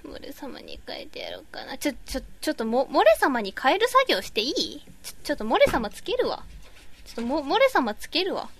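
A woman chats through a live stream, fiddling with her audio settings and answering chat comments as she goes. Her voice sits high and swings widely in pitch. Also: big pitch swings, fairly quick, fairly bright tone, slight background noise. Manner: chatty, fussing over audio setup, reading chat comments. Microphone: boom mic.

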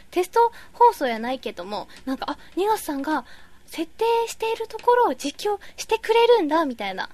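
A woman on a live stream, chatting casually while she fusses over her audio setup and reads chat comments into a boom mic.

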